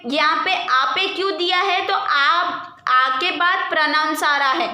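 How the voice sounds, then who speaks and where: A woman teaches young children at an unhurried pace, stretching out each word and posing questions that she then answers herself. Her voice is high and bright. The recording has a noticeable room echo. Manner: slow, patient, drawn-out word repetition. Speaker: primary school Hindi teacher. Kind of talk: online lesson for young children.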